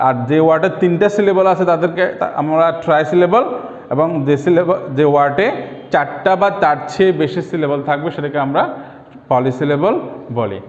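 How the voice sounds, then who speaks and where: In an online English lesson for primary school children, a man explains things patiently and slowly sounds out example words one syllable at a time. His voice is fairly high. The recording has a dull, lo-fi quality and an echoey room.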